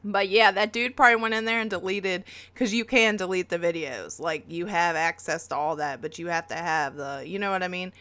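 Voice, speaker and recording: A woman hosting a reaction video, telling a story in casual chat, animated and swearing, jumping up high when she acts out quotes. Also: fairly quick, hardly any pauses, clean tone, no echo.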